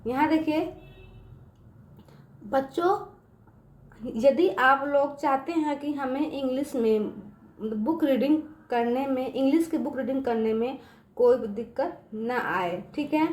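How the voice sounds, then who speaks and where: A woman's voice: high-pitched, unhurried, pauses often, a little mellow, slight background noise. A woman teaches a simple lesson to children. She talks to them patiently, asks her own questions and answers them, and checks in often. The sound is roomy and echoey. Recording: echoey room.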